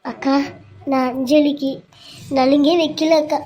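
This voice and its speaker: A woman's voice: high-pitched, steady tone, a little slow, mellow. A woman voicing a hurt young wife who speaks while crying, in a family serial drama. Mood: tearful. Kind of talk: Tamil family serial voice acting.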